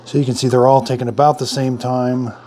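Relaxed man demoing gadgets in his kitchen. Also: mid-range voice, brisk, a little hiss or hum. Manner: relaxed, plain-spoken, thinking aloud while demonstrating. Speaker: product reviewer. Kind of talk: casual hands-on product demo. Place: home kitchen, indoors.

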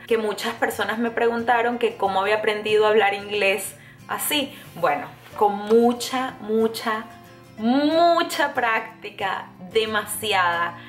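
A young woman from Venezuela with a Venezuelan accent, telling a casual story to camera in a chatty, animated way with many fillers and restarts. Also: mid-range voice. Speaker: vlogger. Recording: echoey room, faint music behind.

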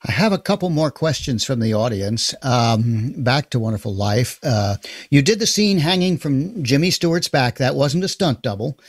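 Husky-voiced man asking audience questions. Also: medium pitch, animated, moderate pace, no echo, clean studio sound. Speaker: interviewer. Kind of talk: interview questions.

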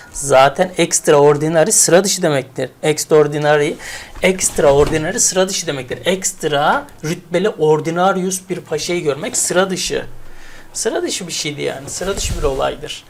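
Woman tutor, fry-tinged voice, loose and repetitive, talking straight to students. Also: low voice, a little mellow. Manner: chatty, repeats words, builds memory tricks. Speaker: English vocabulary teacher. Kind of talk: casual spoken lesson.

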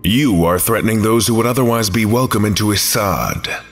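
A man's voice: on the low side, moderate pace, soft background music, natural voice. A man reading the lines of a solemn hazmat-suited humanoid entity in a grave, clipped, matter-of-fact way.

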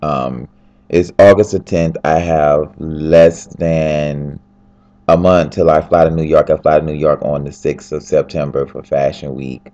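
A man's voice: a bass voice, fairly even intonation, unhurried, warm tone, lo-fi sound. A tired man who has just woken up, chatting in a rambling, upbeat way as he records a casual video diary from his bed on a handheld flip camera. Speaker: fashion designer. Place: lying in bed at home.

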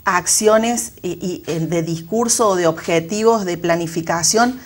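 Argentine woman, school director type; measured, reflective, restarts often. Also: lowish voice. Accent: Argentine Spanish. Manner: thoughtful, many fillers and restarts. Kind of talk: reflective interview answers.

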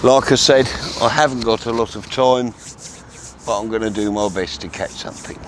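A man's voice: on the low side, normal speed, background noise. Chatty older man fishing by a river. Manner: chatty, rambling, with many fillers and restarts. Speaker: fishing vlogger. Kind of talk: casual talk to camera while fishing. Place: outdoors on a grassy riverbank by calm water. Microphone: camera mic from a few metres away, speaker often turned aside.

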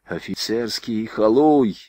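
A man's voice: medium pitch, fairly even intonation, normal speed, dry recording, studio quality, lightly acted. A man voicing a sullen, indignant soldier who grumbles about being wronged. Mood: grumbling. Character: sullen, aggrieved male army cook's storeman.

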